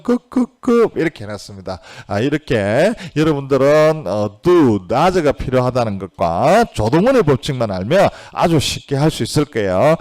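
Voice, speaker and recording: A male grammar teacher giving a video lecture. His pitch swings widely as he explains, with frequent checks for agreement. He reads the English example sentences out slowly and deliberately. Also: a little mellow.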